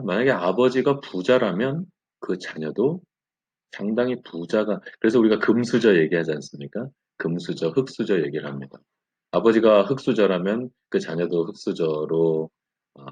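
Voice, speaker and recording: A man teaching a church Bible lesson, telling a story with animated delivery and frequent affirming fillers. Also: lowish voice, slightly rough.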